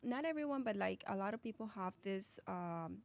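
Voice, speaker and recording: A woman's voice: medium pitch, animated, normal speed, creaky. A woman born in Colombia and raised in Philadelphia, talking casually as a real estate agent guest, with restarts and fillers. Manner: chatty, restarts, many fillers. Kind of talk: casual interview answers.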